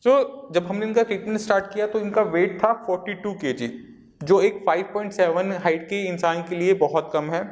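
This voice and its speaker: A man's voice: high voice, a little mellow, long reverb tail. A man, a doctor, explaining treatment earnestly to camera and interviewing a patient, with rhetorical questions. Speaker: doctor hosting a health channel.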